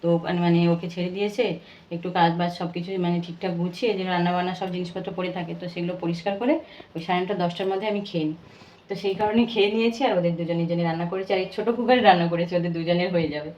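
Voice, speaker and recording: A woman's voice: lowish voice, steady tone, racing, darkish tone, lo-fi sound. A woman in her thirties from Bengal, chatting casually and rambling with many fillers as a vlogger in her home kitchen. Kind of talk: casual home vlog chat.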